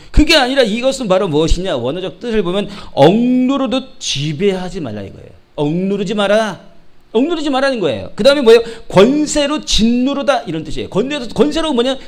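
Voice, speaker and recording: A man preaching a sermon to a congregation, asking them rhetorical questions and now and then mimicking regional dialects for humor. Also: high-pitched. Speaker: pastor.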